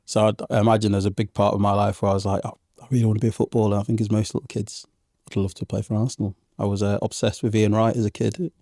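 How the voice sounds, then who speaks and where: Low, mellow-voiced man. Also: level tone, fast, no room sound, studio quality. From Zambian parents, raised in England from age one. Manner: reflective, hesitant with many ums and restarts. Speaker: podcast guest. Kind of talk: conversational interview.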